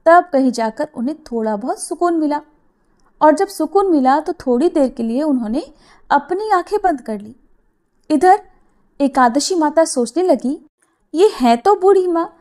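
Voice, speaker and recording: A woman with a high, light voice narrates a devotional story. Her telling is gentle and expressive, and she gives voice to the characters' quoted words. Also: moderate pace.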